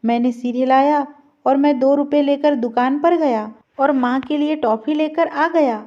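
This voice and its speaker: A woman storyteller narrating an emotional story in a steady, sorrowful reading style. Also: sits high, normal speed. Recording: slightly dull lo-fi recording.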